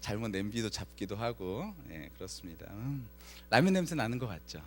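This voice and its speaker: A pastor with a lowish voice preaches a Friday night sermon at a fairly quick pace in a church sanctuary, with faint music behind him. He tells a lively story, acting out quoted lines and putting questions to the congregation.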